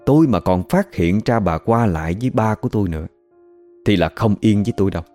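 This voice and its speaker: A man's voice: on the low side, expressive, quick pace, dark tone, soft background music, lightly acted. A man with a Southern Vietnamese accent quoting a fierce grown daughter who threatens her rival. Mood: threatening.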